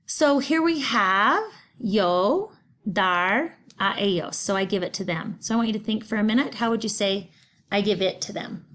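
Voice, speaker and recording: A woman's voice: medium pitch, normal speed, a bit bright. Patient woman teaching a Spanish lesson. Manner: patient, explaining step by step. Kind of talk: recorded remote class lesson.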